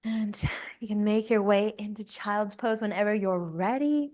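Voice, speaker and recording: A woman teaching a live yoga class, giving slow, soothing cues and drawn-out breath prompts. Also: medium pitch, a little mellow. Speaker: yoga instructor. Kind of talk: guided yoga class instruction.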